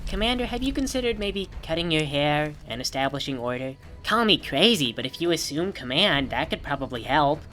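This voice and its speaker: A woman with a bright, forceful voice rambles through a video game as its host. Her commentary is wry and sarcastic, with faint music behind her. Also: sits low, big pitch swings, brisk, few pauses.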